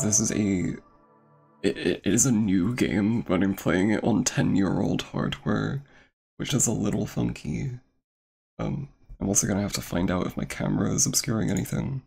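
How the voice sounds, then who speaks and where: Rambling young man streamer, gravelly. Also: fairly low pitch, darkish tone. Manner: rambling, many fillers and restarts. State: slightly out of breath. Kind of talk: casual game-stream chat. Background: game music.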